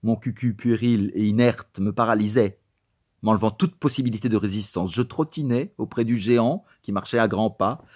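A man narrating a novel as an audiobook, with an expressive, animated delivery on a close mic. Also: lowish voice, moderate pace, dry recording. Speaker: audiobook reader.

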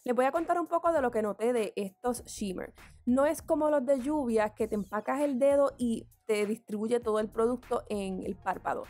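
Woman beauty vlogger, fairly high voice, candid step-by-step chat. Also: moderate pace, darkish tone, soft background music. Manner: candid, chatty, explains each step. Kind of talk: get-ready-with-me makeup tutorial chat.

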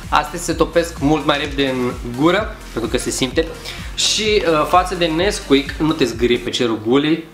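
A casual vlogger chewing while talking, the words thick and muffled by food. The voice sits at a middling pitch in an echoey room, with music playing clearly behind. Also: animated, normal speed, a bit bright. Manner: chatty, muffled speech with a full mouth. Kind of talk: casual taste-test vlog chat. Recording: roomy echo with music behind.

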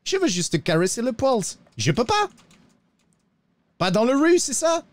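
A man's voice: big pitch swings, unhurried, no echo, heavily acted. A man playing a broke, bumbling cowboy with a put-on accent in a western roleplay, talking theatrically and tacking 'hein' onto his lines. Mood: chatty. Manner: theatrical, sliding pitch, tacks 'hein' on lines. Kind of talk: in-character roleplay.

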